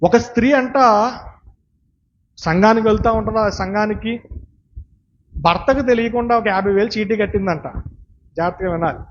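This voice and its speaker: A man's voice: sits high, normal speed, long pauses. A man with a Telugu accent preaching a sermon, telling a story and acting out the lines of each person in it. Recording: dull lo-fi church recording with faint noise.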